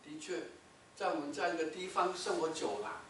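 Male pastor with a high voice, storytelling sermon; booming reverb, mic distant. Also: steady tone, moderate pace, a little hiss or hum. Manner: storytelling, rhetorical questions, loud when quoting shouts. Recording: echoey hall, mic from far off.

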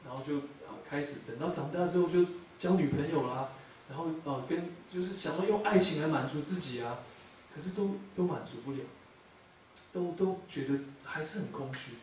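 Guy preaching, quick, voice a bit high, big echoey church hall, mic far off. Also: slight background noise. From Taiwan. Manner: emotional, swings between loud emphasis and soft murmurs. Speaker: pastor. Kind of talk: sermon with personal testimony.

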